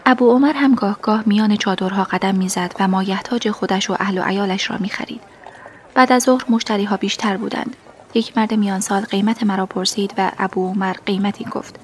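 A woman reading a first-person story aloud as an audiobook, in a soft delivery that often drops to a half-whisper. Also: medium pitch, a little hiss or hum. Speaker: audiobook narrator.

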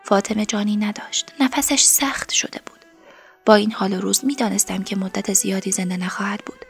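A woman narrating a story in the first person, softly and emotionally, in a breathy, whispery voice. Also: mid-range voice, soft background music. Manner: soft, emotional, tearful storytelling.

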